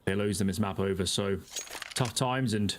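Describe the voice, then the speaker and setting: A man's voice: lowish voice, moderate pace. A man giving analytical live esports commentary as a caster, breaking down the tactics of the play. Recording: noisy, game gunfire behind the voice.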